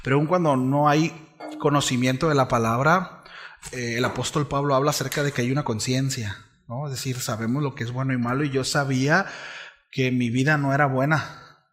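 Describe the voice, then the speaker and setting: Man, pastor, sermon, conversational preaching, soft asides and loud emphatic peaks, average pitch. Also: fairly even intonation, moderate pace. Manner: conversational preaching with frequent "¿sí?" check-ins to the congregation; swings between soft, low asides and loud, emphatic declarations.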